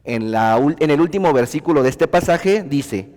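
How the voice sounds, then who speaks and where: Male pastor, fairly high voice, sermon in an echoing hall, storyteller who acts out dialogue. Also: animated, moderate pace, a little mellow.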